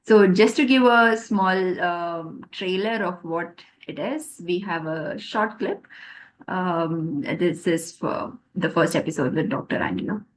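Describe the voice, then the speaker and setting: A woman with a lowish voice presents to an online session over a video call. She talks haltingly and pauses often, with a faint hum of noise behind her. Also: low-quality recording.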